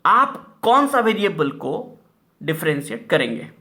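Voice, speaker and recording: A man's voice: fairly high pitch, sing-song, unhurried, sharp tone. A man teaching math, repeating key terms and asking rhetorical questions, mixing Hindi and English. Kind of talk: classroom-style lecture.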